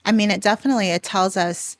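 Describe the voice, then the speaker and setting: A woman's voice: mid-range voice, steady tone, quick pace, no echo. A woman hosting a podcast interview, appreciative and affirming as she guides the talk. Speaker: podcast host. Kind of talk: interview host.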